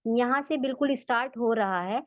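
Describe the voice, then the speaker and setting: A woman with a voice on the high side teaches Quran recitation at normal speed, her speech carrying an Urdu accent. In a slow step-by-step lesson she patiently repeats the sounds for practice. The lo-fi audio is dull and dry, with no echo.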